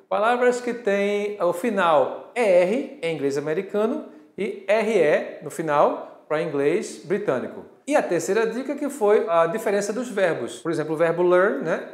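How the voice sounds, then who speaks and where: A man's voice: high voice, reverberant. A man with a Brazilian Portuguese accent teaching English in an online video lesson, explaining step by step and speaking straight to viewers. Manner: lively, explains step by step, addresses viewers directly.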